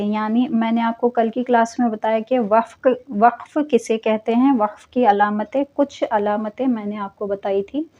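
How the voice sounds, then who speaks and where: A woman's voice: mid-range voice, dull audio. A woman teaching Quran recitation rules in a class, explaining patiently and drawing out the recited words. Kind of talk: online tajweed class explanation.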